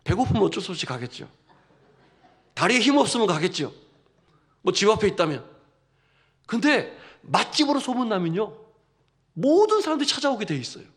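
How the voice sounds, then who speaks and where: A male pastor preaching with a high, gravelly voice. He works the congregation with rhetorical questions and humorous asides, in an animated sermon style.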